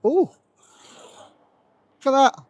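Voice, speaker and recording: In a dry, lo-fi recording, a man from Manchester, England, who founded a business, talks slowly and casually to camera. His vlog chat rambles along, full of "um" and "like."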